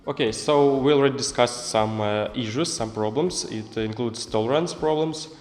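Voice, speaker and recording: A man's voice: medium pitch, normal speed, faint music behind. A young man briefly summarizing the issues discussed, with some fillers. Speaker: project participant. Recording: echoey hall.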